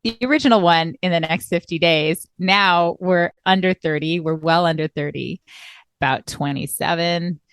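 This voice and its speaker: A woman's voice: fairly low pitch, normal speed, clean tone, no echo, clean studio sound. A woman co-hosting a motivational podcast from a remote setup, talking earnestly and reflectively, often checking in with "right?". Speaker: podcast co-host. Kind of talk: casual motivational chat. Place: recording remotely, apart from her co-host.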